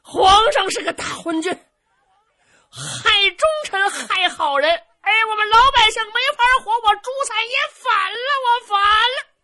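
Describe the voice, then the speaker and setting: A woman voicing a rash young peasant shouting. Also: very high-pitched, brisk, pitched above the performer's own voice, heavily acted. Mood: crying shouting. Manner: shouting, sobbing, excitable. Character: hot-headed young peasant man, loud and rash.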